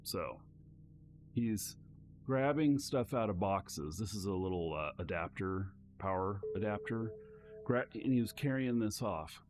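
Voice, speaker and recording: A man casually commentating a game live stream, thinking aloud in a relaxed way. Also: on the low side, a little slow, noisy background.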